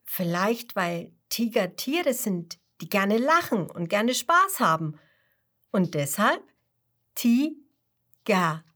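A woman voicing a thoughtful tiger father in a musing, slow way. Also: mid-range voice, sing-song, fairly bright tone, full character voice.

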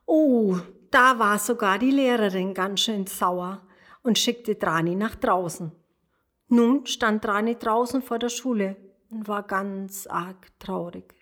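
A woman reading a children's story aloud, soft and expressive, addressing the young listener. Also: medium pitch, takes it slowly.

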